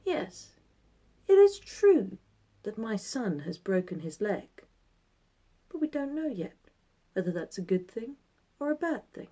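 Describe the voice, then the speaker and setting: A woman storyteller voicing a calm, patient old village man in the measured manner of a wise old sage. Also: mid-range voice. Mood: calm, philosophical. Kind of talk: oral storytelling.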